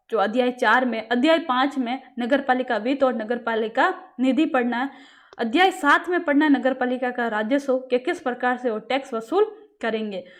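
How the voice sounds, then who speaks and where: A woman teaching exam-prep material in a casual lecture. She quizzes her listeners and answers herself. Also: on the high side. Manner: repeats questions to the class and answers them herself.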